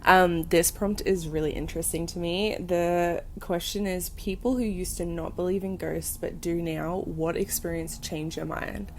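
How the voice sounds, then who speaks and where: A young woman hosting a casual storytelling podcast, telling ghost stories in an animated, sweary way full of fillers. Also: on the low side, a little slow, hardly any pauses, slight background noise. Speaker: podcast host.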